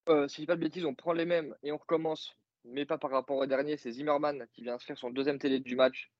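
Co-host masculin bavard, hésitant, quelques euh, son un peu terne et sec. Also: male voice, on the high side, steady tone, quick pace, dry recording, lo-fi sound. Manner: chatty, hesitant with many fillers, joking asides. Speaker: podcast co-host, football analyst. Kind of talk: casual play-by-play recap.

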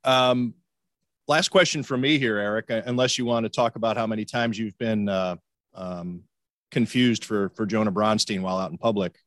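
A man's voice: fairly low pitch, moderate pace, a bit bright, no echo, clean studio sound. A man hosting a sports show, asking questions in a casual, chatty way. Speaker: interviewer, sports show host.

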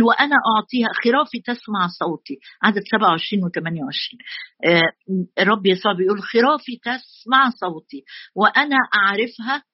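A woman's voice: mid-range voice, slightly rough, dry recording, lo-fi sound. A woman with an Egyptian accent preaching a sermon, driving her points home by repeating phrases again and again. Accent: Egyptian Arabic. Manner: emphatic, repeats key phrases over and over.

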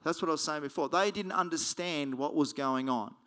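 A man preaching a sermon as pastor, telling the story lively and acting out frightened voices. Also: on the high side, a little fast, smooth.

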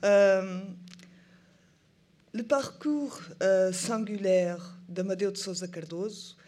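A woman reads a formal lecture in a soft-toned, relaxed voice. Her French carries a foreign Portuguese accent and moves slowly, with stumbles on longer words. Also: medium pitch. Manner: halting, non-native French with stumbles on words. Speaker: museum programme director giving a lecture. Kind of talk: prepared lecture, read aloud.

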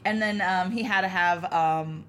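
A woman co-hosting a casual movie-review chat, quick and joking, laughing often. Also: lowish voice, fairly bright tone, slight background noise. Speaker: podcast co-host.

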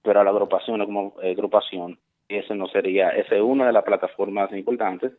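Phoning in to the radio, the deep-voiced man sounds brisk and steady in a lowish register as he lays out his advice. His delivery is sincere and explanatory, with repeated words and bits of English, carried through a tinny phone line.

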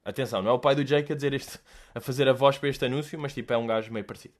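A young man with a European Portuguese accent hosts a casual solo chat, answering listener questions in an animated, joking style loaded with slang and swearing. His voice is medium-pitched and he talks at a racing pace.

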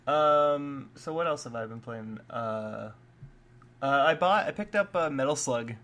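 A man's voice: mid-range voice, lively intonation, measured pace, a bit bright. A young man co-hosting a casual gaming podcast, laid-back and joking with lots of fillers, sounding a bit sick. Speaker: podcast co-host. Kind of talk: casual chat.

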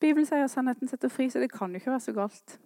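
A woman preaching a sermon, swinging between quiet earnest talk and impassioned rising calls. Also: high-pitched, no echo, studio quality.

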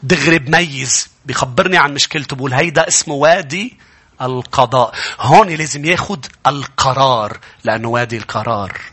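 A middle-aged man with a Lebanese accent, preaching a sermon as pastor, his voice rising into shouted, drawn-out lines. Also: medium pitch, slightly rough.

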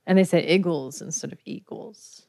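A woman's voice: deep voice, moderate pace, vocal fry, darkish tone, no echo. A woman from the Philadelphia area, a podcast guest, chatting in a laid-back way with dry humor. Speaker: guest, biscuit shop co-owner. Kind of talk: casual chat.

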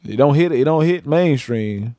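A man co-hosting a podcast in loose, slangy conversation. His voice sits at an ordinary middle pitch and heats up when a point bothers him. The sound is dry and close, with no room around it. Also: moderate pace, no room sound. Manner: relaxed, slangy, animated when riled. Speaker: podcast co-host. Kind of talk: casual chat.

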